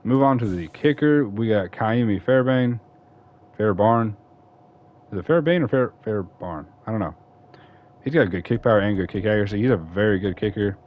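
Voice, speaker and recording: A man's voice: on the low side, normal speed, a little mellow. A man casually talking through a football franchise game, rambling and correcting himself as he goes. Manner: rambling, self-correcting, chatty. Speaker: gaming YouTuber. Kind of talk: casual franchise-mode commentary.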